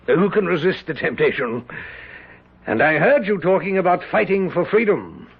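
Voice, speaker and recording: A pompous British general in an old radio drama. His voice is highish and husky, sweeping theatrically up and down with sardonic, haughty flourishes. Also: expressive, moderate pace, heavily acted. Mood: teasing, amused. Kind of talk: 1970s radio drama acting. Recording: dull lo-fi vintage radio broadcast.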